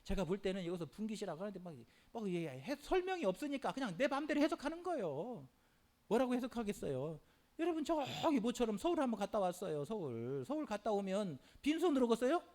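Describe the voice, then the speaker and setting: A middle-aged male pastor preaching a sermon in an animated way, with frequent hallelujahs and rhetorical questions to the congregation. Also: high voice, quick pace.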